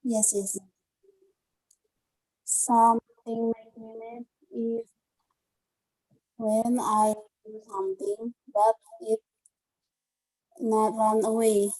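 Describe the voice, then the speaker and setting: A woman student answering in halting English during an online lesson. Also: a little high, little pitch movement, a little mellow, rough recording. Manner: hesitant, halting English learner. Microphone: video call.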